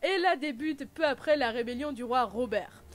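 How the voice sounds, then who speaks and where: A woman hosting a casual recap vlog, with a bright, high voice. She talks in a chatty way and drops playful jokes in between the facts. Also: lively intonation, normal speed. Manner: chatty, with playful joking asides. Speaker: video host.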